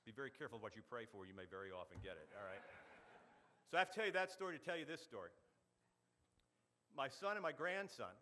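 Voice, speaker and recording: Middle-aged man, club speaker, quick-talking, bright forceful tone, storytelling speech. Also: mid-range voice, slight background noise. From Oklahoma. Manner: animated storyteller, quick delivery with punchy asides. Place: meeting hall.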